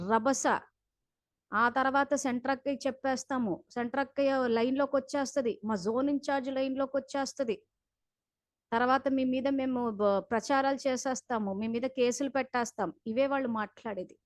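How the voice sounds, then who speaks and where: A high-pitched woman leads a spiritual class over a video call. She speaks in an earnest, instructive way as she recounts heated phone calls. The sound is close and dry, with no room echo.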